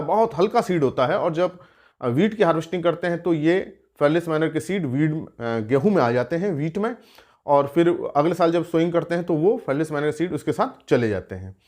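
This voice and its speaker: A man's voice: on the high side, animated, normal speed, darkish tone. A man teaching an exam-prep lesson on weeds, explaining step by step with rhetorical questions and frequent filler sounds.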